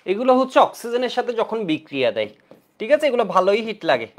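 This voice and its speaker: Fast-talking, high-voiced male chemistry tutor. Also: sing-song. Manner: repeats key points over and over, drilling students. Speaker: chemistry teacher. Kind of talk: online exam-prep lecture.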